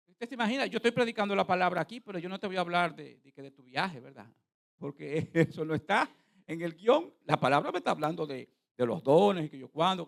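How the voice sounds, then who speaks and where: A middle-aged man preaching a sermon as pastor, telling a story in an animated way, dropping to quiet asides and rising to loud proclaiming. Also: high voice, creaky.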